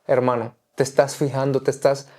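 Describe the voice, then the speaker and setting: Mellow-voiced man preaching earnestly. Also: medium pitch, little pitch movement, brisk. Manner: earnest, exhorting, repetitive phrasing. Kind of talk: preaching in conversation.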